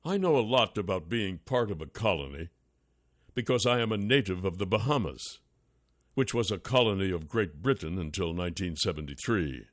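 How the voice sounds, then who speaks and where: A man narrating a nonfiction audiobook in a measured, deliberate reading style. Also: sits low, expressive, no room sound, clean studio sound.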